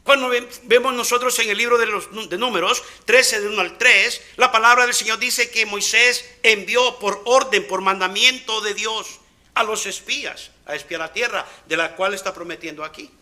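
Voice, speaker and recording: A man's voice: high voice, moderate pace, sharp tone. A male pastor preaching a sermon emphatically, firing rhetorical questions and acting out dialogue.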